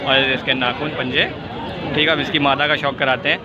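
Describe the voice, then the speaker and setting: A man's voice: medium pitch, flat delivery, fairly quick. Chatty man at a noisy pigeon market. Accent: Lucknow Hindi. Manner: chatty, keeps addressing viewers as friends. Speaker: vlogger showing pigeons at a market. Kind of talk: handheld market walkthrough commentary. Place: crowded outdoor pigeon market. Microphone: phone camera held close. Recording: dull lo-fi phone audio with loud crowd and traffic noise.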